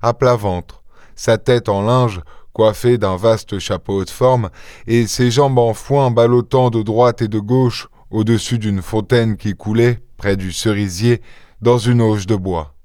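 A man reading a short story aloud in a measured, low-key narrating voice. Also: steady tone, darkish tone, dry recording, clean studio sound. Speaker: audiobook reader. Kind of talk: scripted narration.

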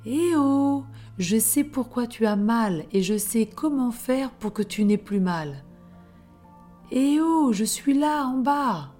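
A small, brave child from a bedtime storybook, calling upward at full voice to be heard, as a woman narrator puts it on. The tone lifts well above her usual narrating pitch and stays eager and loud. Soft music drifts faintly underneath. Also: animated, takes it slowly. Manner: shouting up loudly, eager.

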